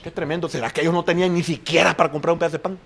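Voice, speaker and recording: A man preaching a sermon in church. He talks straight to the congregation and swings between loud exclamations and hushed asides. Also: a little high, fairly even intonation, racing, creaky. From El Salvador. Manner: addresses the congregation directly and often as "hermano". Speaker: pastor.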